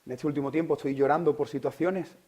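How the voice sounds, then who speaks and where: Spanish preacher swinging loud to hushed. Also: male voice, on the high side, fairly even intonation, fast. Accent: Spain Spanish. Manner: asks the listeners direct questions. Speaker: pastor. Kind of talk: sermon.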